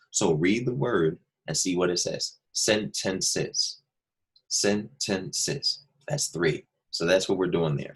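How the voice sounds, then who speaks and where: The voice is low-pitched and slightly rough, belonging to a man who teaches second grade. During an online lesson he leads young children patiently through a worksheet, step by step, restating the key points.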